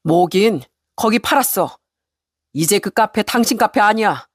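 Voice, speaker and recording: A woman's voice: medium pitch, slightly rough, no room sound, studio quality. A woman reading a cold, firm husband. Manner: flat, cold, deliberate. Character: cold, resolute middle-aged husband. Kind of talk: storybook radio narration.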